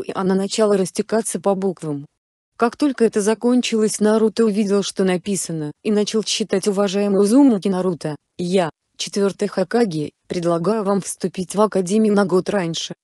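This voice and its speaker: A woman narrates a fan fiction story in an even, unhurried way, with a mellow, darker tone. The sound is dry and close, with no room around her. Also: medium pitch, dry recording. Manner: even, unhurried storytelling, voicing all characters in her own voice.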